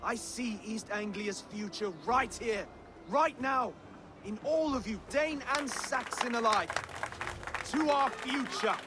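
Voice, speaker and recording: A man voicing a gentle, earnest Saxon king in a video game, speaking in a measured, formal, oratorical way. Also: very high-pitched, a crowd in the background, noisy background. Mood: solemn, hopeful.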